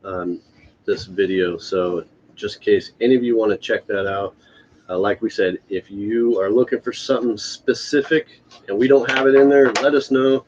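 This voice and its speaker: Man, laid-back stoner talk, lowish pitch, casual co-host, muffled sound, slight noise. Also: fairly even intonation, moderate pace, darkish tone. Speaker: live stream co-host. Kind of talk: casual chat. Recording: muffled, noisy live-stream audio.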